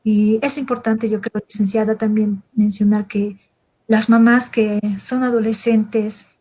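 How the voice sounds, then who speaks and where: Flat-toned woman host musing thoughtfully. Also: mid-range voice, a little slow, husky, rough recording. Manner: reflective, hesitant, full of fillers. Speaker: interview host. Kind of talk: conversational interview.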